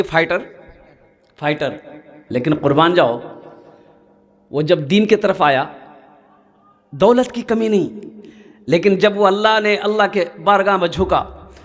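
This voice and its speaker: A male Islamic preacher from Kolkata, giving a sermon full of humorous anecdotes and repeated refrains addressed to the young. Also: sits high. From Kolkata, India. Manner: storytelling, repeating refrains, addressing youths directly.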